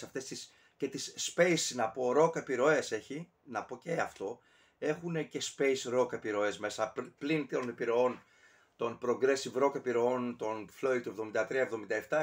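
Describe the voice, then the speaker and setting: A man casually ranking albums on camera, talking in a rambling, digressive way with many fillers and self-corrections. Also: medium pitch. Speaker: music reviewer.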